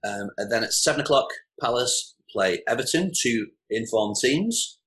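A man hosting a casual sports chat, running through the week's fixtures with relaxed asides. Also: mid-range voice, normal speed. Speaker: show host.

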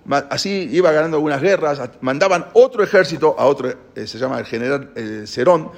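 Man teaching a religious history class, gravelly voice a bit on the high side, lively storytelling, trips over words. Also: brisk. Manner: animated storytelling with stumbles and restarts.

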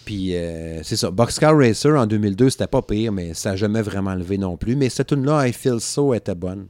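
A man's voice: on the low side, animated, a little fast, darkish tone, no echo. A man in his thirties with a Quebec French accent, rambling casually about music on a podcast and laughing often. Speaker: podcast co-host.

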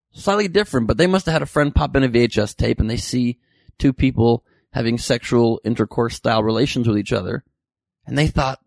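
A man's voice: medium pitch, dry recording. A man hosting a comedy show, delivering a dry, rambling monologue full of self-correcting jokes. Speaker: comedy podcast host. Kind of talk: deadpan comic monologue.

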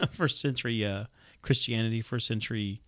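A man's voice: mid-range voice, normal speed, a bit bright, no echo. A man co-hosts a casual faith podcast, rambling and correcting himself as he works through his point, often laughing at himself. His voice sits in a middle range. The sound is dry and close. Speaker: podcast co-host.

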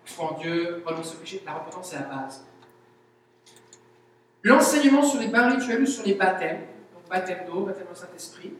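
A man with a Quebec French accent, preaching a teaching sermon in an animated, explanatory way with everyday examples. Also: high voice, slight background noise. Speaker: pastor. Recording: very echoey hall, mic at a distance.

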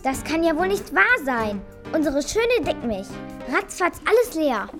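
A woman voicing a high, excitable little mouse. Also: a little slow, music in the background. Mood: indignant. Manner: lively, exclaiming, emphatic. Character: small naive female mouse, trusting then indignant.

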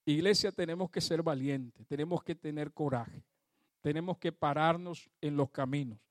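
Delivering a sermon at a moderate pace, this pastor has a slightly high voice and addresses the church directly, calling out praise to God with fervor and asking them questions. The sound is studio-clean with no room sound.

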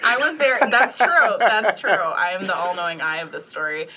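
A woman's voice: mid-range voice, normal speed, a little hiss or hum. A young adult woman telling a casual anecdote as a podcast guest, acting out the dialogue as she goes. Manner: animated, acts out quoted dialogue.

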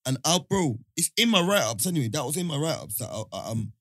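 Animated London roadman with a higher voice. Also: fast, no echo. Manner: roadman street slang, teasing, repeats phrases. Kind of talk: casual banter.

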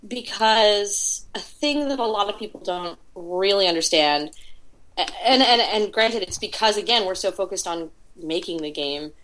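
A woman's voice: medium pitch, expressive, moderate pace, fairly bright tone. A woman talking casually as a podcast guest, a chatty storyteller with lots of filler words. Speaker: podcast guest, indie game PR producer. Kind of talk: casual interview talk.

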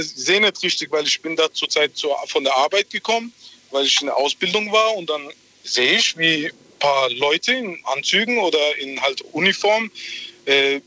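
A young man from southwest Germany calling a radio phone-in from his car's hands-free system and telling a story in a halting, rambling way. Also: fairly high pitch, pushed and bright. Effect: phone call through a car hands-free speaker system, at times distant from the mic. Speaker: radio call-in caller.

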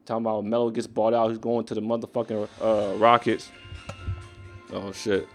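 Gravelly-voiced man ranting profanely. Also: fairly low pitch, flat delivery, normal speed, soft background music. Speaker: podcast host. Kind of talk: casual sports rant.

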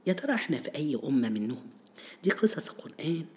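An Egyptian-accented woman hosts a Ramadan series of Quran stories, telling them in a conversational, teaching way. Her low voice is mellow and dark, with big pitch swings and a racing pace. She speaks straight to listeners and poses rhetorical questions.

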